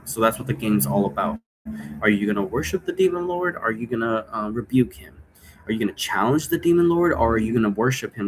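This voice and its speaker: A role-play game creator and presenter gives an improvised, informal explainer, wandering off on tangents and often posing rhetorical questions. His voice sits lowish, and the poor audio carries a faint hiss or hum.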